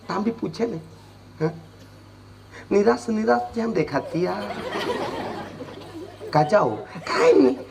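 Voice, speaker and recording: A male pastor from Gujarat preaching a sermon, firing questions at the congregation and moving between low asides and sudden shouts. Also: creaky, background noise. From Gujarat, India. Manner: lively preaching, quizzing the congregation with "Hallelujah" and "Hey?". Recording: distant mic with loud room ambience.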